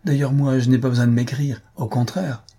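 A man reading aloud, voicing a gentle, quietly stubborn young countess with soft, reserved replies. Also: mid-range voice, flat delivery, fairly quick, breathy edge, voice pushed up.

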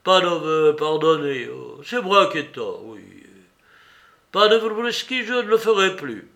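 A man reading a storybook aloud and voicing an impulsive young man who shouts toasts in a raised voice. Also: on the high side, big pitch swings, slow pace, gravelly, exaggerated voice. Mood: rowdy toasting.

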